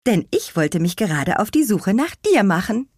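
A woman's voice: medium pitch, sing-song, normal speed, darkish tone, no echo, studio quality, voice pushed up. A woman voicing a small, cheerful young apple witch girl in a children's audiobook. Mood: eager.

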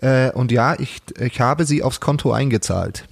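Excitable man rambling. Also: mid-range voice, normal speed, gravelly, no room sound, clean studio sound. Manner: excitable, stumbling restarts, crude slang. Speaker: podcast co-host, band member. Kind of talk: casual chat.

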